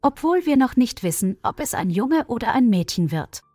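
A quiet, resolute young village woman who is expecting a baby , as a female storyteller voices her. She speaks softly and earnestly, with a lively, rising and falling voice. The sound is close and dry. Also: on the high side, moderate pace, no echo, soft background music, voice pushed up. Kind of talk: storybook reading.

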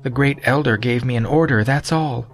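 A man's voice: medium pitch, normal speed, faint music behind, voice pushed up, lightly acted. A man voicing a terrified male deacon who kneels and begs for his life in an audiobook. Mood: pleading. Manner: begging, pleading.

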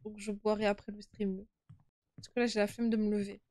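A woman's voice: mid-range voice, flat delivery, a little fast, darkish tone, no echo, studio quality. A young woman streaming a horror game with casual live commentary, uneasy and easily scared, chatting to her viewers. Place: indoor room at home.

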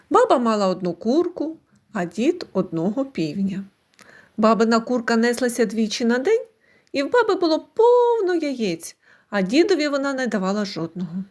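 High, lively woman reading a fairy tale. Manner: expressive, animated reading. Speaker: storyteller. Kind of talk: scripted fairy tale narration.

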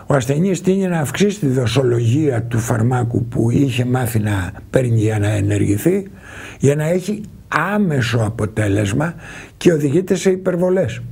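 A man speaking as a doctor on a health talk, in a very husky voice with a gravelly edge. He explains step by step and in a measured way, turning to the viewers with their likely questions. The voice sits dark and mellow. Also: medium pitch.

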